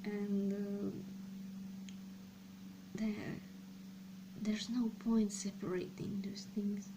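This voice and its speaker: A slow, hesitant young woman from Serbia, with Slovak and Serbian as her first languages, talks casually in a personal vlog for her language channel. Her medium-pitched voice barely moves in pitch, and she thinks aloud with many pauses. Background noise comes through clearly.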